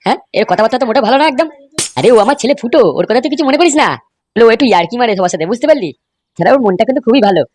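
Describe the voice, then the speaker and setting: A woman voicing men in a crude comic cartoon, talking in rapid, coarse, scolding banter. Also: on the high side, expressive, a little mellow, a little hiss or hum.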